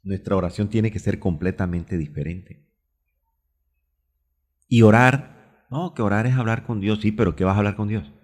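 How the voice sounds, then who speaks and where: Deep-voiced Colombian preacher man. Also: brisk, darkish tone. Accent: Colombian Spanish. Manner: searches verses aloud, stretches key words. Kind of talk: radio sermon teaching. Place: radio studio.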